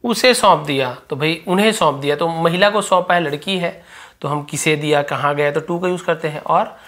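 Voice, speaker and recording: A man teaching English grammar in Hindi, explaining step by step, asking and answering his own questions and slowing right down to dictate English phrases. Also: a little high, a bit bright. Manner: drawn-out slow dictation when writing English phrases.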